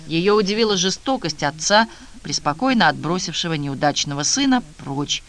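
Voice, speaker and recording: A man reading a novel aloud in an even, measured narration. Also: a little high. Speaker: audiobook narrator. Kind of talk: scripted narration.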